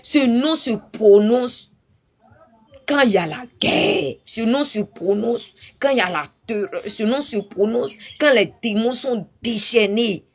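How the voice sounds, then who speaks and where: Husky woman preaching her testimony on a live, all fired up, keeps hammering the same lines. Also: fairly high pitch, unhurried. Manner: fervent, repetitive exhortation with sudden cries. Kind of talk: impassioned spoken testimony.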